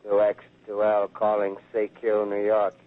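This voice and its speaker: An actor playing a lone ham radio operator who calls out slowly over a distant, static-filled 1930s radio broadcast that sounds like a mistuned ham radio. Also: male voice, lowish voice. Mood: desolate. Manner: slow, flat, repeated call signs. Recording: tinny old radio-drama broadcast.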